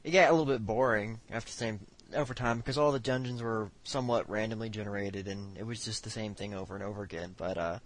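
A man's voice: on the low side, steady tone, fast talker, hardly any pauses. A man chatting on a casual podcast, hesitant and stumbling over his words. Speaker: podcast co-host.

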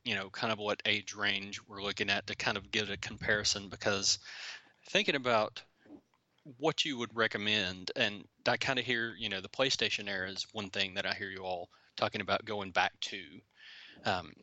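A man's voice: fairly low pitch, fairly even intonation, moderate pace, sharp tone, no echo, muffled recording. A man in his thirties, politely asking questions in a casual podcast chat. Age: 30s. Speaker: podcast co-host.

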